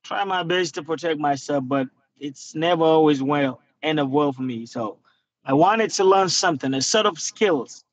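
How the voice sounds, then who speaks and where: A man's voice: a little high, moderate pace. A man in his twenties from Nigeria, answering interview questions on a video call from his car in an earnest, reflective way. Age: 20s. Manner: earnest, reflective, many fillers. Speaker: guest fighter. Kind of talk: casual interview talk. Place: in a parked car. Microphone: phone camera on video call. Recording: dull lo-fi video call audio.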